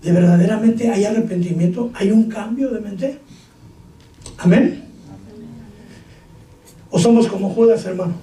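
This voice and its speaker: A man preaching a sermon, acting out dialogue and breaking into shouted bursts. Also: high voice, measured pace, long pauses. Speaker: pastor. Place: church hall. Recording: echoey hall, distant mic, faint noise.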